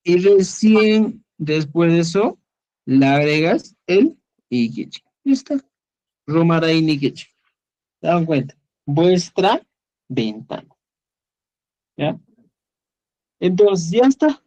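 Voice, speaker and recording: A man teaching an online class, explaining slowly and patiently, often checking that students follow. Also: a little high, sing-song, a little mellow, low-quality recording. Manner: slow, patient, checks understanding with "¿ya?". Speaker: Quechua teacher.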